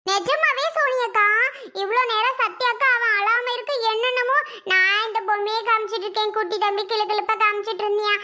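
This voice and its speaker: A woman voicing Subi, a fretful young woman in a cartoon, whining and pleading in a slow, teary way. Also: extremely high pitch, fairly even intonation, bright, forceful tone. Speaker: cartoon character. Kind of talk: cartoon voice acting.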